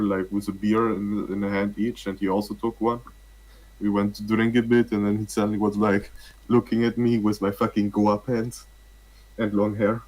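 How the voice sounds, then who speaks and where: A young man who speaks English as a second language, chatting casually on a podcast. His voice sits low, and he rambles through stories with plenty of fillers and frequent laughs. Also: low-quality recording. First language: not English. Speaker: podcast co-host. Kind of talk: casual chat.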